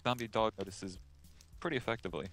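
A man making brief, relaxed remarks while playing a multiplayer game. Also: lowish voice, fast talker, soft background music. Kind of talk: casual multiplayer gaming chat.

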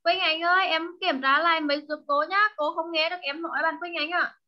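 A woman teaching an online class, drilling words through slow repetition and coaxing questions to her pupils over a video call. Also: very high voice, fairly even intonation. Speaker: English teacher. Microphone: video call microphone. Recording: dull lo-fi online call audio.

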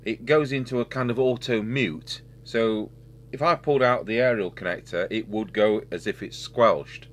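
A man with a lowish voice, speaking at normal speed, works as a radio repair technician and host, giving unscripted hands-on commentary and thinking aloud at an indoor electronics workbench. The recording is noisy, with hum and radio hiss.

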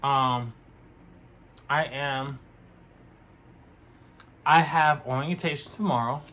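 A young man, a vlogger, talking casually to his viewers from his own room, slow and full of "um" fillers. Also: medium pitch, bright, forceful tone. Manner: talks slowly with frequent "um" fillers. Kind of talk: casual mukbang vlog chat.

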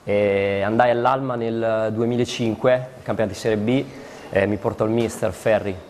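A man in his thirties from Fano, a futsal player guest answering in a halting way with many fillers, recorded in a TV studio. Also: fairly low pitch, steady tone, darkish tone. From Fano, Italy. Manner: halting, lots of fillers and repeated yeses. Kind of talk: studio interview. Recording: studio with long reverb, faint noise.

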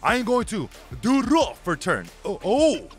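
A man's voice: sits high, huge pitch swings, measured pace, soft background music. A man co-hosting a card game video, giving playful, exclaiming commentary while he plays. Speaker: co-host. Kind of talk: excited gaming commentary.

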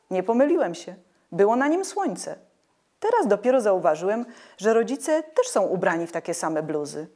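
A woman reading a children's story aloud with expressive, melodic narration. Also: medium pitch. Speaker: audiobook reader.

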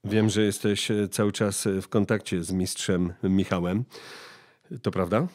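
A man's voice: low-pitched, flat delivery, unhurried, a little mellow. A male host interviewing a guest by phone, speaking hesitantly with frequent filler sounds. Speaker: radio-style program host.

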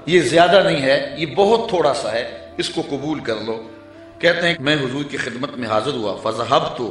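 A man's voice: on the high side, a bit bright. A male preacher giving a sermon. He recites passages in Arabic and then explains them in Urdu. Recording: echoey room with faint music.

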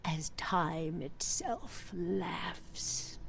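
A woman's voice: on the low side, very slow, creaky, fairly bright tone, whispered, exaggerated voice. An actress playing a mysterious fortune teller woman in a video game, speaking in cryptic, portentous pronouncements. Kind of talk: scripted video game character acting.

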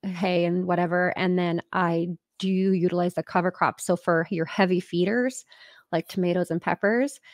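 A woman hosts a casual home podcast over a video call. Her voice sits a little low and the sound is dry and close. She rambles in an easy, chatty way, stacking fillers as she goes. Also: steady tone, moderate pace, no room sound. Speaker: podcast host. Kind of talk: casual chat.

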